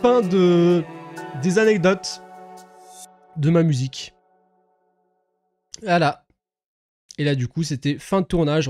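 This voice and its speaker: A man's voice: on the high side, a little mellow, no echo, studio quality. A young man chatting casually on a live stream, rambling with many fillers, swearing and laughing at himself.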